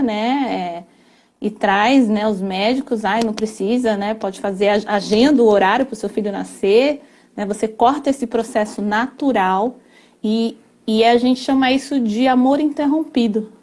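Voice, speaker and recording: Her voice sits at medium pitch with a darkish tone. She works as a family constellation therapist and explains earnestly in conversation, full of hesitations and tag questions.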